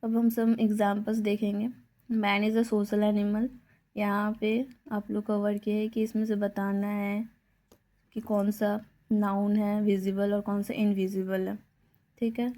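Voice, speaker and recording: Woman teaching grammar in a flat voice. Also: medium pitch. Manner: lists examples one by one, reads English definitions slowly. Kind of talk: Hindi-English grammar lesson.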